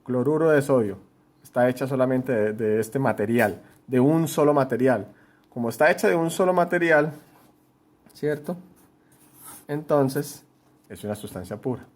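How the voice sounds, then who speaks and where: A man's voice: medium pitch, moderate pace, long pauses, a little mellow. A man from Colombia teaching a chemistry lesson while writing on a board, explaining patiently and often checking that students follow. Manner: writes on a board while talking. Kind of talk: home-school lesson at a whiteboard.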